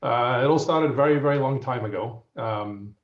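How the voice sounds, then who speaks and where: A man in his fifties with an English accent, a guest telling his story in a relaxed, rambling way with lots of fillers, heard over muffled remote audio. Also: mid-range voice, normal speed. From England. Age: 50s. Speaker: guest professor. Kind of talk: casual storytelling. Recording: muffled, roomy audio from a distance.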